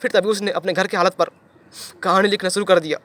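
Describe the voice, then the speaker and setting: A man's voice: sits high, fairly even intonation, quick pace, a bit bright. A young man performing a dramatic audition monologue, retelling a story with emphatic repetition and sudden swells and drops in intensity.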